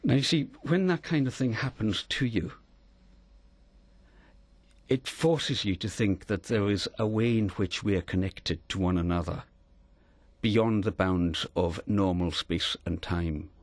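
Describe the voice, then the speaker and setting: Middle-aged man from Scotland, very low voice, dry close sound, earnest measured storyteller. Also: no echo. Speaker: interview guest. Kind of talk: reflective storytelling in an interview.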